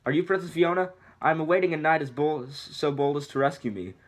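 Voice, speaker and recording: A man's voice: a little high, quick pace, voice pushed up, natural voice. A man voicing a prim young princess with dramatic, old-fashioned phrasing, reading a film script aloud. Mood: expectant. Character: prim fairy-tale princess, young woman.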